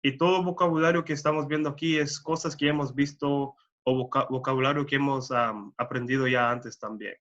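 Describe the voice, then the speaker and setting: Male English teacher, bright and tense-edged voice, dull lo-fi sound; slow, careful delivery. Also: medium pitch, steady tone. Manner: slow, carefully enunciated example sentences. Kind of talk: bilingual English lesson.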